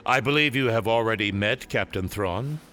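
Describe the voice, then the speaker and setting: A man's voice: fairly low pitch, moderate pace, pushed and bright. A man playing a cold, imperious imperial lord in a sci-fi audio drama, formal and condescending in a menacingly polite way. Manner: formal, condescending, coolly sardonic.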